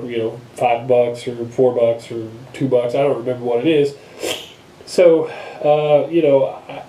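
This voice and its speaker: A man vlogs in a casual, unscripted, rambling way, his voice congested and nasal like someone sick with a broken nose who can't breathe through it. The voice is mid-range with a dark tone. Recorded on an action camera microphone, the audio is reverberant and poor.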